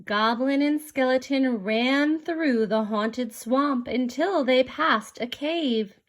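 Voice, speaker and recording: Storybook reader: woman, high voice, slow pace, expressive narration for children.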